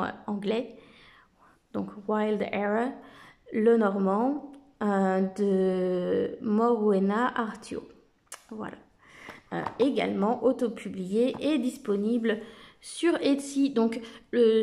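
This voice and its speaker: A woman talks casually to her viewers about her favourite card decks. Her voice sits mid-range with a gravelly, creaky texture. She speaks in a relaxed, chatty way, pausing often on small filler sounds. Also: mid-range voice. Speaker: vlogger reviewing oracle card decks. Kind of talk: casual chat to camera.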